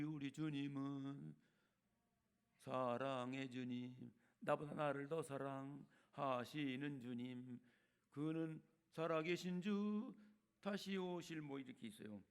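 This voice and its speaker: Speaking in a gravelly mid-range voice, an older man preaches as a retired senior pastor. His sermon is colloquial and talkative, moving between emphatic loud passages and quiet asides.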